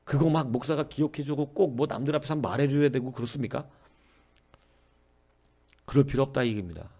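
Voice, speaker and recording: A man's voice: medium pitch, brisk, dark tone. A male pastor giving an early-morning sermon, earnestly exhorting and repeatedly addressing the congregation. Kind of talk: dawn-service sermon.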